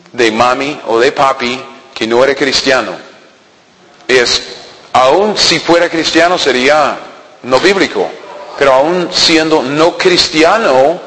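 In a church hall with long reverb, a man teaches a Bible class, joking and peppering his listeners with rhetorical questions. His voice is a little high and fairly bright.

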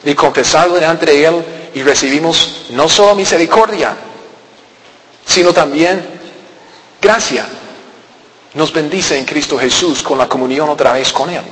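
A man with a high voice preaches a sermon. He leans on rhetorical questions that he answers himself and repeats key phrases to drive them home. His voice rings out with a long hall reverb. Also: unhurried, pauses often, a bit bright, a little hiss or hum. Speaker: pastor.

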